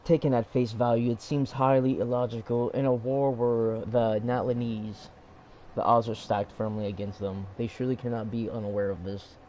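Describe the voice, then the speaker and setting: A man's voice: mid-range voice, little pitch movement, dark tone, slight background noise, natural voice, poor audio. A man playing a grave, formal swordsman. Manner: formal, measured speech. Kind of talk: video game voice acting. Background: game music.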